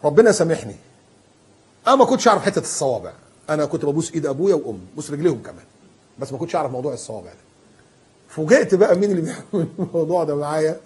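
A man preaching in a colloquial style with an Egyptian accent. He is animated and emphatic, and he acts out the people he quotes. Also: a little high, very fast, slightly rough. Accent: Egyptian Arabic. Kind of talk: colloquial sermon.

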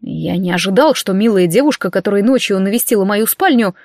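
A woman's voice: mid-range voice, animated, fairly quick, darkish tone, dry recording, studio quality, lightly acted. Stern mocking minister, as a woman reader puts him on. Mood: teasing. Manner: growling, teasing.

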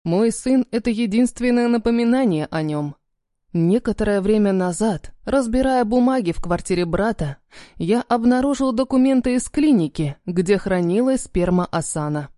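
Mellow-voiced woman narrating an audiobook. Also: medium pitch, animated, normal speed, dry recording, studio quality. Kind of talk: scripted narration.

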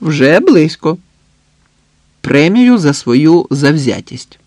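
A woman's voice: sits low, big pitch swings, slow pace, dark tone, no room sound, voice pushed up, heavily acted. A man doing a bubbly, teasing young woman. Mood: excited. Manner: playful, bubbly, bossy banter. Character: cheerful teasing young woman, lively friend.

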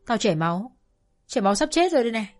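Naive anxious teen girl, as a woman storyteller puts her on, pitched up, fretful. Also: very animated, rapid-fire, soft background music. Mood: panicked.

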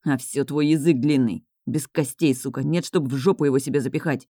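A woman playing a hulking, foul-mouthed young man with a blunt, growling delivery. The tone is dark and mellow, close-miked and dry, for an audiobook. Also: very deep voice, steady tone, brisk, dry recording. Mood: gruff. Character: big rough-spoken young man, gruff and foul-mouthed. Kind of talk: audiobook reading.

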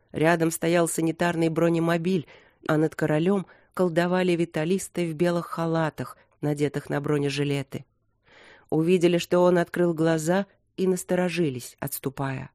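An audiobook narrator reading a grim battle scene in a measured way. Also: mid-range voice, level tone, a little mellow, no echo, studio quality.

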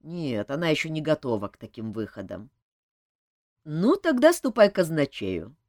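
A woman's voice: deep voice, sing-song, normal speed, mellow, no room sound, voice pushed down. A woman voicing a dry-witted man in charge who teases his friend. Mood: wry. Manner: wry, joking.

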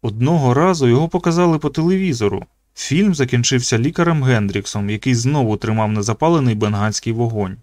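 A man's voice: medium pitch, expressive, fast talker, few pauses, a little mellow, no echo. Male audiobook narrator, dry close sound. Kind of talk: scripted narration.

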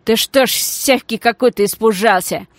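A woman voicing a hoarse, menacing male gang leader who barks threats in criminal slang, in an audiobook. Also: on the high side, normal speed, no room sound, close to an everyday voice. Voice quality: hoarse, rasping. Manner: shouting threats in thieves' slang.

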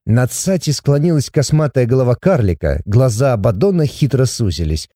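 A man reading a novel aloud as an audiobook narrator, expressive and measured. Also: mid-range voice, no echo, studio quality. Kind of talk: scripted narration.

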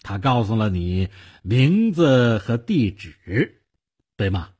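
A man voicing a shrewd, wealthy older uncle who talks in a measured, quietly persuasive way, with a husky voice. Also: on the low side, big pitch swings, full character voice. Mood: calm scheming.

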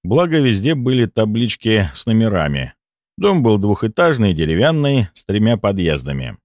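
A man narrating a first-person audiobook in a lively, expressive reading. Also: on the low side, normal speed, dry recording.

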